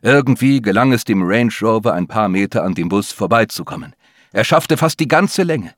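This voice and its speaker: A male audiobook narrator reads a tense thriller with dramatic delivery. His pitch moves a lot, and the sound is dry and close with no room echo. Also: expressive, normal speed. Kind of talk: scripted narration.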